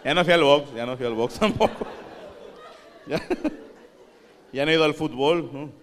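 A man's voice: a little high, moderate pace, some chatter behind, slight background noise. A man with a northern Mexican accent delivering a crude, self-mocking stand-up comedy monologue. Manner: crude, self-mocking, acts out quoted voices.

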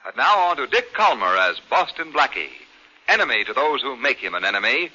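A man's voice: mid-range voice, big pitch swings, a little fast, bright, forceful tone, slightly rough. A man making a dramatic, declamatory 1940s radio announcement. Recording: muffled, noisy old 1940s radio recording.

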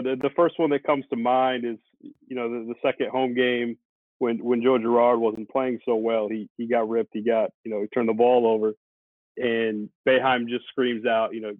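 An easygoing man from the Syracuse, New York area appears as a sports reporter guest in a casual podcast chat, talking things through with many hedging fillers. His medium-pitched voice comes over a narrow, tinny phone line that sounds dry and close, with no echo or room around it.

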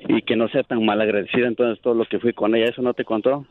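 A man's voice: mid-range voice, little pitch movement, fast talker. A male caller arguing defiantly on a prank phone call. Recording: tinny phone line with hiss.

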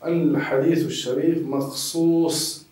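A man with a Levantine Arabic accent, a religious scholar giving measured, emphatic answers to questions. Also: a little high, steady tone, darkish tone. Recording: echoey room, distant mic.

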